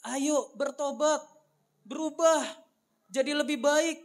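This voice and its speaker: Guy doing jesus knocking on a door, high playful singsong, coaxing. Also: slow pace, full character voice. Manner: playful sing-song knocking sounds.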